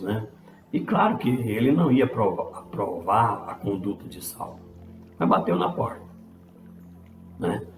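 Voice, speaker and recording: A man, telling a religious story in a casual lesson, with frequent tag questions and restarts. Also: sits low. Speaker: Spiritist study speaker. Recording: roomy echo with faint music.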